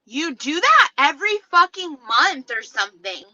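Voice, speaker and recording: Giggly high woman over tinny phone audio. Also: very animated, normal speed, bright, forceful tone. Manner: giggly, swears casually. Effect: tinny phone audio, like a tin can. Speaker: livestream co-host. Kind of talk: casual livestream banter. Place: parked car. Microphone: phone held up to the face.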